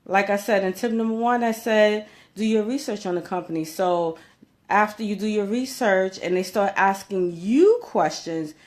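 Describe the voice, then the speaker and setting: Offering job interview tips in a casual advice vlog, this career coach talks in a conversational, emphatic way, frequently checking in with those listening. She has a medium-pitched, darkish voice and speaks at normal speed.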